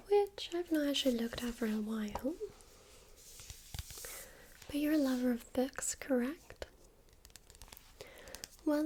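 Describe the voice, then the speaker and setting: A woman in a whispered role-play as a friendly librarian, speaking in a hushed, gentle library whisper close to the microphone. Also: high-pitched, a little hiss or hum. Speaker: friendly librarian recommending books.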